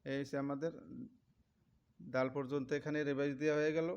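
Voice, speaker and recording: A man's voice: on the high side, level tone, fairly quick, darkish tone, clear, resonant tone. A man teaching Quran reading, sounding out Arabic letters syllable by syllable and repeating each drill. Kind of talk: slow letter-by-letter recitation lesson. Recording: dull lo-fi recording.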